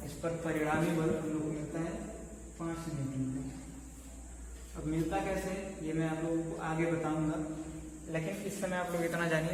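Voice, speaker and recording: A man's voice: on the high side, darkish tone. A male maths teacher giving a conversational lecture at a board, checking in with his students often. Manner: conversational, keeps checking in with "okay". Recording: echoey room, mic far off, faint noise.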